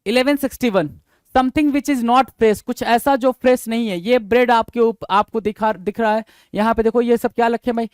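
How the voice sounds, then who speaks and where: A man's voice: very high-pitched, moderate pace, clear, resonant tone, dry recording. A man teaching an exam-prep vocabulary lesson, repeating each word, spelling it out letter by letter and checking in with students through rhetorical questions.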